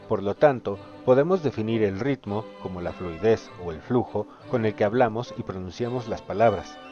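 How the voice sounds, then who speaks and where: A young man with a fairly low voice narrates a scripted lesson in a measured, explanatory way. The voice-over sounds dull and lo-fi, with faint music underneath. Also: mellow. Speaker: student presenter.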